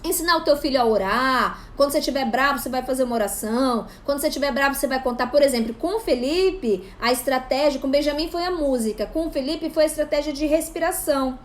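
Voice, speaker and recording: A woman in her thirties, a psychopedagogue, giving casual parenting advice to camera in an animated way. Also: sits high, fast, few pauses. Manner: animated, acts out parent and child voices. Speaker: psychopedagogue and parenting channel host.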